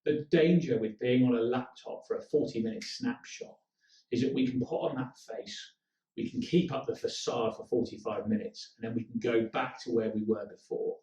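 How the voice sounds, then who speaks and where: A man's voice: medium pitch, fairly even intonation, normal speed, dark tone, recorded from a distance, highs cut off. A man presenting a leadership training talk in a direct, instructive way. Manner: direct, instructive, with acted-out quotes. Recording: echoey room, mic some way off.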